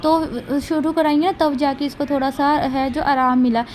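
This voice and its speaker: Woman vlogger, high voice, rambling home chat into a phone camera, faint room noise. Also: steady tone, a little slow, a little mellow. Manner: talkative, rambling, frequent tag questions. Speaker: vlogger, mother. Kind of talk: casual chatty daily vlog.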